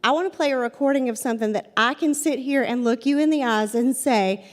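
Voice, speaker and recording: A woman's voice: high-pitched, a little fast. A woman in her forties with a Southern US accent, a paranormal investigator giving a storytelling talk who speaks straight to her audience and repeats her points for emphasis. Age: 40s. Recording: long hall reverb.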